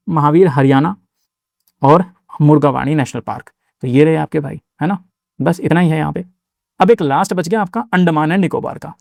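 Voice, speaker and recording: A man's voice: a little high, a little mellow, no room sound, studio quality. A man teaching an exam-prep geography lesson in a casual, chatty way, repeating key words and building memory tricks. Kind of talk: mnemonic-based geography lesson.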